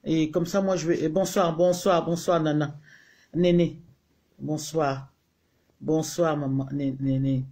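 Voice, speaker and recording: A man's voice: on the high side, steady tone, a little slow, warm tone. A Congolese man hosting a casual live stream, greeting viewers one by one in a heated, repetitive way. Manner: mixes French and Lingala, heated. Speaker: livestream host.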